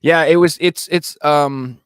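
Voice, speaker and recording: A man's voice: fairly high pitch, steady tone, a little slow, smooth, no room sound, studio quality. A man hosting a casual chat, talking in an informal, slangy way.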